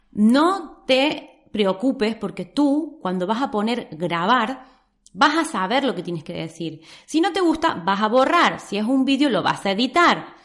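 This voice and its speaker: A woman giving friendly advice straight to her viewers, speaking in an encouraging, reassuring way about getting comfortable on camera. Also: medium pitch. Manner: encouraging, addresses the viewer directly. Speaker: social media coach. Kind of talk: advice vlog talking to camera.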